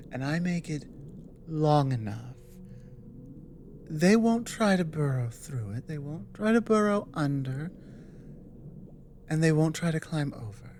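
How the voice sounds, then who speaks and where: In an ASMR audio roleplay, a woman with a deep voice and dark tone plays a weary, earnest dragon ally who has magic. She speaks in a measured, halting manner, with a little hiss or hum in the audio.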